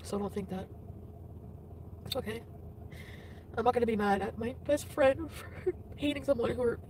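A woman talking to her livestream viewers while driving, upset and tearful after a morning of crying. Her voice sits a bit high, and she thanks people by name between halting thoughts. The phone recording carries a steady hum of car noise. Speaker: livestream vlogger. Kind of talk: casual livestream chat.

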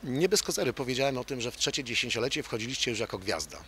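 A man interviewing a guest, asking prepared questions in a formal, measured way. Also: medium pitch, lively intonation, fairly bright tone, slight background noise.

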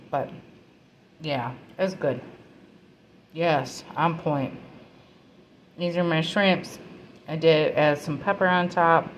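Low, slow-talking woman home cook. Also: a little hiss or hum. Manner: chatty, relaxed, talks while tasting. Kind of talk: casual cooking vlog. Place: home kitchen.

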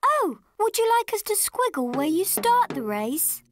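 A woman's voice: very high voice, big pitch swings, a little slow, slight background noise, heavily acted. A woman playing a cheerful childlike children's show presenter, encouraging and singsong like a kids' party magician. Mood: friendly, eager. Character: Squiglet, cheerful childlike drawing-show character.

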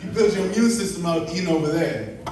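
High-voiced American comedian bombing, man in echoey bar. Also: quick pace, a crowd in the background. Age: young adult. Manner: joke bombing, rambling delivery with stalls and filler. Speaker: amateur stand-up comedian. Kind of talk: stand-up comedy at an open mic. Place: small bar, indoors. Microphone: handheld stage mic, heard from far camera. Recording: echoey bar, distant mic, audience noise. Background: small audience.

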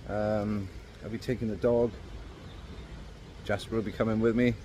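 With the camera, a phone or action cam, held out at arm's length, this fishing vlogger in his thirties chats casually beside a river at a moderate pace. His voice is lowish, his manner loose and meandering with lots of ums, and a soft hum of the outdoors runs underneath.

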